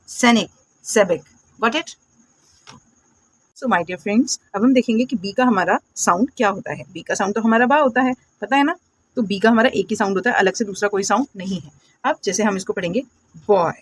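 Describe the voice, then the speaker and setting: A woman teaching English phonics, patiently asking questions, answering them herself and repeating words slowly. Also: medium pitch, husky. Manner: patient, calls viewers "my dear friends" and "beta". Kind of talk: classroom phonics lesson.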